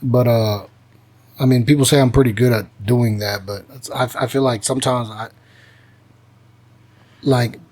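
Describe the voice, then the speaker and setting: A man's voice: medium pitch, fairly even intonation, moderate pace, pauses often, darkish tone. A man hosting a podcast in casual conversation, candid and self-deprecating as he reflects on his early episodes. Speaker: podcast host.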